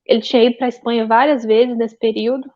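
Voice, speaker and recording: A woman with a fairly high voice tells her own story with earnest, pained emphasis and keeps circling back over the same points. The sound is dull and lo-fi. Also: little pitch movement, fast talker. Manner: earnest, pained, repetitive retelling. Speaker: interview guest. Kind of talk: emotional personal testimony. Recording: dull lo-fi audio.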